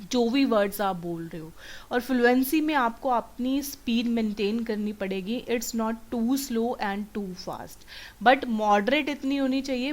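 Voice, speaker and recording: A woman's voice: fairly high pitch, a little mellow. A woman coaching students for an English test, explaining step by step as she switches between Hindi and English. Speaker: PTE exam coach. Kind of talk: teaching a test-prep lesson.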